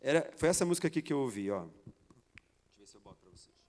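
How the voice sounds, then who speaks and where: A man's voice: mid-range voice, fast talker. Theatrical Brazilian man preaching. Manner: animated, theatrical storytelling with acted dialogue. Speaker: pastor. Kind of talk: sermon with storytelling. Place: church sanctuary. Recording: long church hall reverb.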